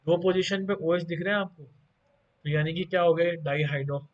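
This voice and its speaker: Guy teaching a pharmacy class, kinda high voice, asks stuff then answers it himself, muffled lo-fi audio. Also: moderate pace. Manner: asks and answers his own questions, playful asides. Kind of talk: online lecture. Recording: dull lo-fi audio.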